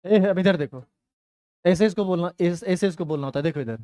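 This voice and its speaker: Teasing and scolding his pupils in a rustic Hindi dialect, a chemistry teacher delivers a classroom lecture in a warm, high voice. He talks a little fast.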